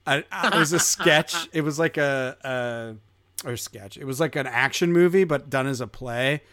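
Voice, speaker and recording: A man's voice: mid-range voice, measured pace, a bit bright, dry recording. A man hosting a casual podcast chat, laughing often and rambling with fillers. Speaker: podcast host.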